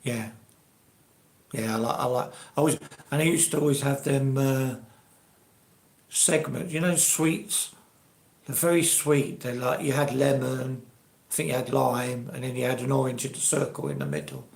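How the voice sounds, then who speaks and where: Gravelly older English man in an echoey room. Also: mid-range voice, normal speed, darkish tone. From England. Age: 60s. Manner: rambling, conversational. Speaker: live stream host. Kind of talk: casual live chat. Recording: roomy, echoey live stream.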